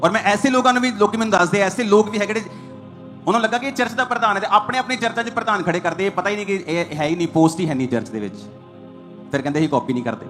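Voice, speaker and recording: A man's voice: high-pitched, very fast, fairly bright tone, soft background music. A man preaching a sermon as pastor, hammering his points in short repeated phrases.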